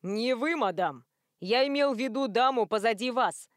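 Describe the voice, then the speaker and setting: Woman doing a male auctioneer, formal, slow loud calls, audiobook voice, fairly high, dry sound. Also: dry recording, natural voice. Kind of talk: audiobook character voice.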